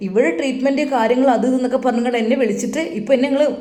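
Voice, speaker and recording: A woman's voice: high voice, very fast, mellow, natural voice. A woman voicing an indignant male doctor who feels insulted and answers back in clipped retorts. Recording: roomy echo.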